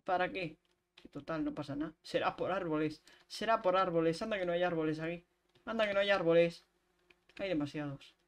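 Chatty streamer woman. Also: on the low side. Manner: chatty, talks to chat while playing, quick laughs. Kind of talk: casual gameplay chat.

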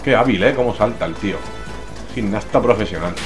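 A man's voice: fairly low pitch, fairly quick. A man with a Spain accent giving casual, slangy, exclamatory let's play commentary. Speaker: gamer, let's play host. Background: game music.

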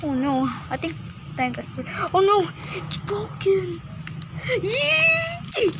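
Playful high-voiced woman, noisy recording. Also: measured pace. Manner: playful, excitable, repeats words in bursts. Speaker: narrator voicing all characters. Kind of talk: homemade animated story with voices.

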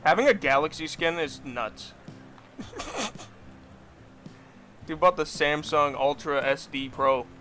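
Loud, bright-voiced young man gaming. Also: on the high side, lively intonation, slow, pauses often, faint music behind. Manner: loud, swearing, yelling at the game, laughing. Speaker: gaming streamer. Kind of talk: excited gameplay chat.

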